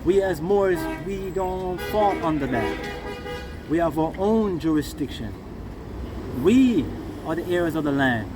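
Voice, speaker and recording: High-voiced Jamaican man, emphatic Rasta-style reasoning. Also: expressive, unhurried, music in the background. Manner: Rasta-style speech, emphatic, often checking the listener follows. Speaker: interviewee. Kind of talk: impassioned informal reasoning. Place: outdoors near passing vehicles. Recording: noisy outdoor recording with traffic.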